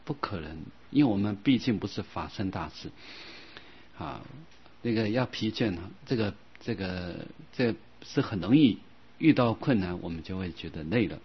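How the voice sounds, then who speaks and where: Low, husky man giving a Buddhist talk. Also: animated. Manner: gentle and unhurried, with frequent soft "ha" and "ah" fillers; slow, drawn-out recitation of scripture passages. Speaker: Buddhist teacher. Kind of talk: Buddhist dharma lecture. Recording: dull lo-fi sound.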